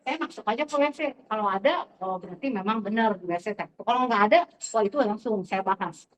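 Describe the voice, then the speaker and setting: A middle-aged Sundanese woman teacher sharing classroom anecdotes in a lively storytelling way, acting out the dialogue. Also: mid-range voice, fairly quick, slight background noise. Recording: distant, dull recording.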